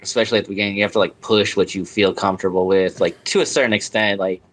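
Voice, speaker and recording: A man with a fairly low voice chats casually as a guest on a podcast. He speaks informally over a speakerphone call. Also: steady tone, fast, fairly bright tone. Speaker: podcast guest, glass artist. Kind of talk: casual chat.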